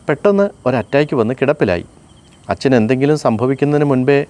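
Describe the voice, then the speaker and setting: Man voicing a tired middle-aged wife, storybook reading, flat and resigned, sorrowful. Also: medium pitch, lightly acted.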